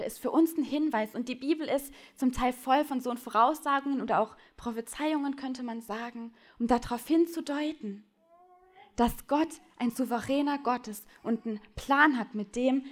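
A woman preaching a sermon, speaking straight to her listeners and swinging between loud urgent appeals and hushed, intimate lines. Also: high-pitched, moderate pace. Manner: addresses listeners directly with questions.

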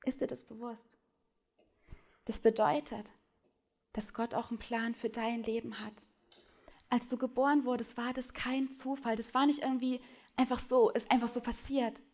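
A woman preaching a sermon, speaking straight to her listeners and swinging between loud urgent appeals and hushed, intimate lines. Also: a little high, level tone, moderate pace, long pauses. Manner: addresses listeners directly with questions.

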